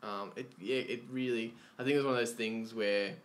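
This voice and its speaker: A man's voice: mid-range voice, fairly even intonation, a little fast. A man co-hosting a podcast, chatty and loose in casual conversation. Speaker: podcast co-host. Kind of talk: casual chat.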